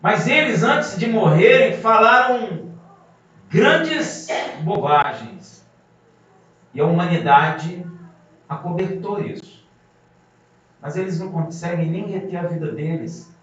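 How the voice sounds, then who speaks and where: A man preaches a sermon in a slightly high voice, pressing his points with rhetorical questions. He sounds far from the microphone in a heavily echoing hall. The sound is dull and muffled. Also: a little slow, fairly bright tone. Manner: emphatic, rhetorical questions to the congregation. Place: congregation hall. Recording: muffled, very echoey hall from a distance.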